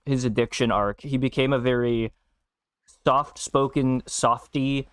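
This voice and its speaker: A man's voice: mid-range voice, fairly even intonation, a little slow, fairly bright tone, a little hiss or hum. A young man streaming a game and chatting casually, blunt and profane, bantering with his co-host. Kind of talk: casual chat while gaming.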